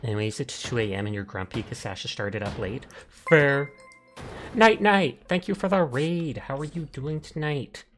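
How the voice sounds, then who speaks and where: A man's voice: medium pitch, normal speed, a bit bright, soft background music. A man livestreaming a game, chatting casually with viewers in a playful, wry way. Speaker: live streamer, host. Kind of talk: casual livestream chat while gaming.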